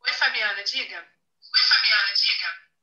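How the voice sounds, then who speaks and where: A woman's voice: a little high, a little slow, sharp tone. A woman instructor whose short greeting comes back as a distant echo through video call feedback. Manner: short repeated greeting, heard again from far off. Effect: her own words echoing back a moment later through call feedback. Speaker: course instructor. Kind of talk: online course session.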